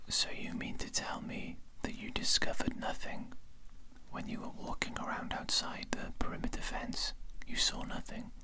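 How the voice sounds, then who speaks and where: A performer plays a patient secret-facility interrogator in a whispered role-play. The voice stays a breathy, unvoiced whisper. The delivery is deliberate and condescending, coaxing with quiet menace. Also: natural voice. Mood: probing.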